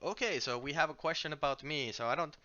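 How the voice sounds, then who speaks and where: A Finnish-accented man from the game company hosts a casual livestream through a headset mic, playing and answering viewer questions. He's relaxed and self-deprecating, with frequent fillers and restarts. His voice is a little high and fast, and the sound is lo-fi.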